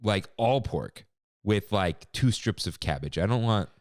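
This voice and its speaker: Lively man co-hosting a chat podcast. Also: fairly low pitch, a little slow, no room sound, clean studio sound. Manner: animated, laughs often, acts out quotes. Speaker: podcast co-host. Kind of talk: casual chat.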